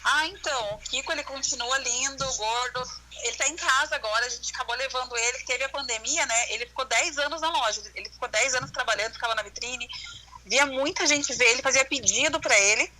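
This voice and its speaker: A woman's voice comes through over the phone, pitched high and very sharp in tone. She is a shop owner in casual chat with a caller. She talks freely and keeps adding small tag questions. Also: quick pace, slight background noise, low-quality recording. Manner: chatty, with frequent tag questions. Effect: heard over the phone.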